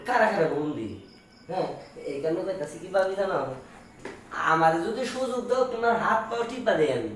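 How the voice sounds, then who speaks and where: A woman's voice: mid-range voice, lively intonation, a little fast, lightly acted. A woman playing a wheedling young brother-in-law. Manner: wheedling, pleading. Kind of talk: comic village skit acting. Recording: echoey room from far off, faint hiss.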